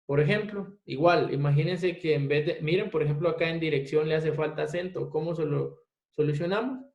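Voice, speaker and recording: A man teaching a step-by-step software tutorial, often asking his class rhetorical questions. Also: on the high side, a little fast. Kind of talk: screen-recorded software tutorial. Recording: echoey room, dull lo-fi mic.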